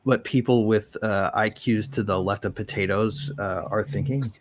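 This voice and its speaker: A man's voice: on the low side, fairly even intonation, normal speed, background noise. A man co-hosting a podcast, talking in a joking, loose, conversational way. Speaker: podcast co-host. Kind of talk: casual chat.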